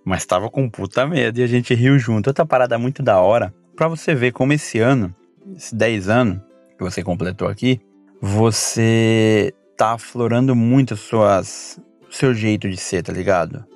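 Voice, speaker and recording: A man in his thirties with a Brazilian accent, a father talking casually to his son in a recorded birthday message, full of slang and animated retellings. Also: on the low side, normal speed. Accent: Brazilian Portuguese. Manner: slangy, rambling, animated when retelling stories. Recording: faint music behind.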